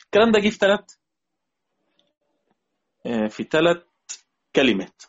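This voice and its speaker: An Egyptian man teaching recitation rules in a lecture, with a husky voice that sits a little high. He keeps asking the class questions and repeats the example words in a chant. The recording is dull and lo-fi. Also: big pitch swings, moderate pace. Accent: Egyptian Arabic.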